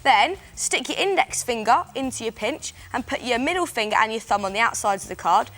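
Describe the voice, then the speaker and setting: A woman's voice: fairly high pitch, expressive, brisk. A woman presenting a children's craft show, explaining steps in an encouraging way. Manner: bright, encouraging, explains step by step. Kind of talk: upbeat instructional presenting.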